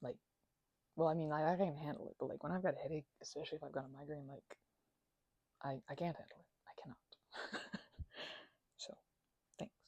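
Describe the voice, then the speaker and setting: A woman with a husky, gravelly voice, mellow and dark in tone, rambles to the listener as her roommate in an ASMR roleplay, using many fillers and stammered restarts and now and then dropping into soft whispers. Her voice is low and steady, brisk but pausing often. She sits close to the microphone in a dry, dead room, and the recording is dry.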